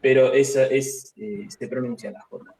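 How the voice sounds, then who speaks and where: A man teaching a live online language class, explaining pronunciation slowly and patiently, syllable by syllable. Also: medium pitch, steady tone, warm tone, echoey room, poor audio.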